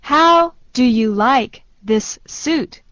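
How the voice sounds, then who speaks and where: A woman slowly and deliberately repeating short phrases for learners in a language lesson. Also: fairly high pitch, lively intonation, fairly bright tone, no room sound. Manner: very slow, deliberate delivery. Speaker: phrase reader. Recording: dull lo-fi dry sound.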